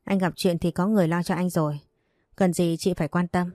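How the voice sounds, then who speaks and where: A woman's voice: lowish voice, fairly even intonation, brisk, dark tone, no echo, studio quality, close to an everyday voice. A woman voicing a weary, heartbroken young wife who answers in a tired, subdued way.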